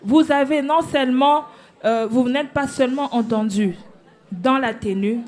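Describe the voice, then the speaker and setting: A woman's voice: a little high, darkish tone. Woman judging a gospel contest. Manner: encouraging, blesses each act. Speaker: competition judge. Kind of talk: live feedback to contestants.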